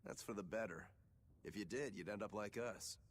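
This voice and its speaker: A man's voice: on the low side, moderate pace, a little hiss or hum, close to an everyday voice. A man playing a blunt young swordsman. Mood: calm.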